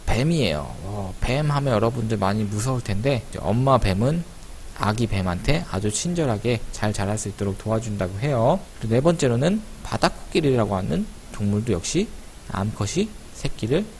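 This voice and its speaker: A man's voice: lowish voice, lively intonation, normal speed, a little mellow. A man teaching a casual explanatory lesson for schoolchildren, conversational and addressing pupils directly. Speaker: teacher presenting an online lesson. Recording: clear hiss behind the voice.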